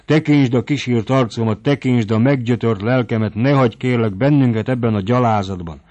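Fussy, talkative middle-aged wife, put on by a male reader, pitched high and excitable. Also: no room sound, dull audio, natural voice. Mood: pleading.

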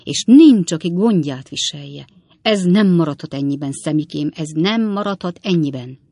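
Lady reading an audiobook doing a slow old coachman dad, low and drawly, dry sound. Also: lively intonation, creaky, mellow, no echo, exaggerated voice. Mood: lamenting. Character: old male coachman, fond, slow-spoken father.

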